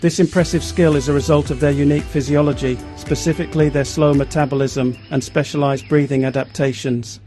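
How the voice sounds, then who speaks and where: Male nature-documentary narrator, dark warm tone in a higher register, scripted read over light music. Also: fairly even intonation, brisk, few pauses. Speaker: narrator of an educational facts video. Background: background music.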